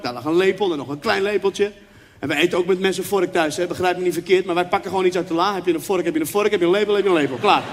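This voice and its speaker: A young man performing stand-up comedy, telling a story with animated delivery and acting out voices and sound effects. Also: high-pitched. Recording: reverberant venue with faint background noise.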